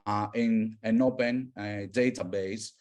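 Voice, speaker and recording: A man's voice: fairly low pitch, steady tone, unhurried, darkish tone. Man presenting an online workshop. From Greece. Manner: explanatory, many "uh" fillers. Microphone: video call.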